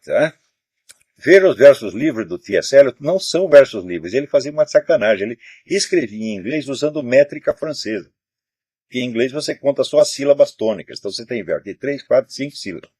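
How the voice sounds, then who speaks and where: A man's voice: medium pitch, a little mellow, husky, no echo, clean studio sound. An older man from Brazil, host of his own show, talking in a loose, emphatic way, swearing often and ending phrases with a questioning tag. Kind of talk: casual spoken commentary.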